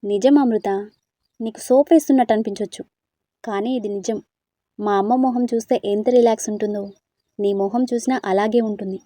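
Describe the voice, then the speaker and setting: An earnest, coaxing young suitor in a storybook, voiced by a woman reader. The tone is mellow and warm, and the recording is close and dry with no room sound. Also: fairly high pitch, fairly even intonation, fairly quick, long pauses, dry recording, close to an everyday voice. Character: young man, gentle and teasing suitor.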